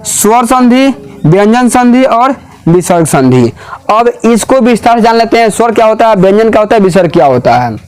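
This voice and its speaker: High-pitched guy teaching grammar in a classroom, asks the class stuff over and over and repeats it back. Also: sing-song, a little fast, darkish tone, clear, resonant tone. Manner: keeps asking questions and repeating the answers.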